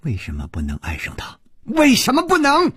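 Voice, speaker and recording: A cold, jealous young woman hisses her words in a low, husky whisper, as a male storyteller puts her on. She sounds coolly mocking and deadly, in a storybook reading with a dry, close sound. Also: lively intonation, brisk, no echo, full character voice. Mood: fierce. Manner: low hissing whisper with soft laughs.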